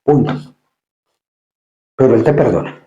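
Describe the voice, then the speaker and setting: A male pastor preaching an emphatic sermon, often repeating words and acting out quick asides. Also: mid-range voice, dark tone, echoey room, highs cut off, soft background music.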